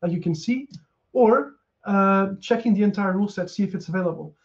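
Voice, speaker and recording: Brisk and high-voiced with some vocal fry, a Portuguese man in his thirties presents a casual tech talk for a conference over a headset from a small home room. The audio is dull, and his delivery is easygoing, peppered with ums, uhs and restarted sentences.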